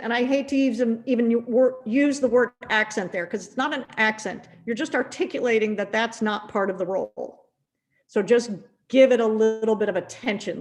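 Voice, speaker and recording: A middle-aged woman teaching a percussion masterclass, gently encouraging and often repeating words as she thinks aloud. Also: on the high side.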